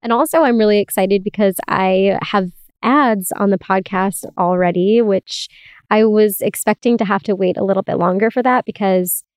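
A woman's voice: mid-range voice, normal speed, darkish tone, clear, resonant tone, no room sound, studio quality. A woman podcast host recording inside a closet, talking in an informal, confiding, giggly way in a casual solo chat. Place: inside a small closet with towels.

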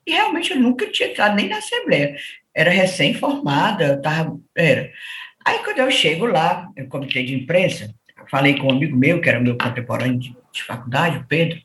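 In a roomy-sounding recording, a political journalist from Ceará chats on a podcast in a Northeast Brazilian accent. Her voice sits low and she talks fairly quickly, telling lively stories and mimicking the voices of those she quotes.

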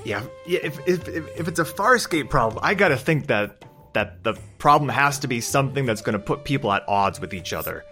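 A man in casual chat, excitable, often laughing and tripping over his words. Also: medium pitch, a little fast, soft background music.

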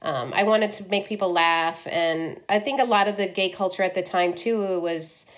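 This is a woman in her fifties who grew up in Ohio, a film director being interviewed. She speaks in a somewhat low voice, candid and loose, with frequent ums and likes as she thinks aloud. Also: normal speed. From Ohio, US Midwest. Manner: frank, lots of likes and ums.

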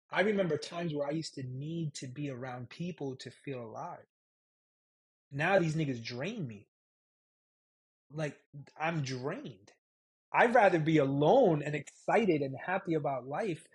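Husky-voiced man, frank and sarcastic. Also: fairly high pitch. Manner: frank, sarcastic, repeats himself with laughs. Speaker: chef and restaurant owner, podcast guest. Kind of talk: candid conversational interview.

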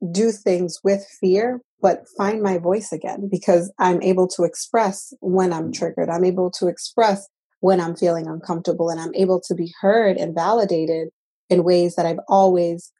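Woman, from the Dominican Republic, interview guest, earnest, reflective, mellow, breathy. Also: on the low side, fairly even intonation, unhurried. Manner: reflective, earnest, with many restarts. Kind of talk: personal interview.

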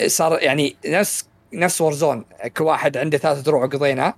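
Male co-host, blunt and chatty, quick pace, casual gaming podcast talk. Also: fairly high pitch, fairly even intonation, dry recording.

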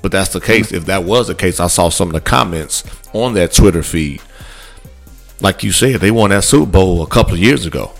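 Male sports podcast host, very low voice, loose chatty delivery over faint background music. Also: animated, brisk, vocal fry. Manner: loose and conversational, with many fillers and restarts. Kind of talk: casual sports talk.

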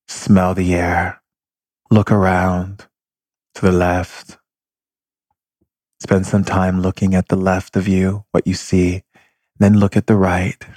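A man leading a guided meditation with slow, calm instructions. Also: low-pitched, no echo, clean studio sound.

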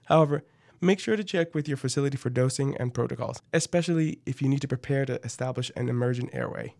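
A man's voice: mid-range voice, fast, creaky, a little mellow, no echo. A man co-hosting a medical podcast, reading scripted educational material with folksy, playful phrasing.

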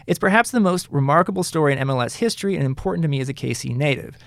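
A man hosting a casual soccer talk show, animated and emphatic, often stopping and restarting his sentences. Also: fairly high pitch, rapid-fire, creaky, dry recording, studio quality. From Kansas City area, United States. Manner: animated, emphatic, self-interrupting. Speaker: podcast host.

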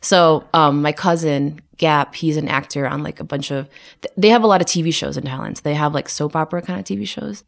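A woman raised in the US, working as a production designer, sounds tired in a laid-back interview chat. Her low, creaky voice moves a little fast, broken up by fillers, restarts and lots of laughter.

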